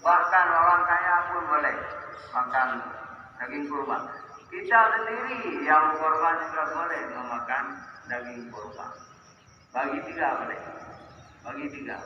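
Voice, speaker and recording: Brief: male preacher, fairly high voice, distant and muffled, long mosque-hall reverb. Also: lively intonation, a little slow, long pauses, slight background noise. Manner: preaching, quoting Arabic verses and translating them. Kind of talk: mosque sermon. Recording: echoey hall from far off, dull.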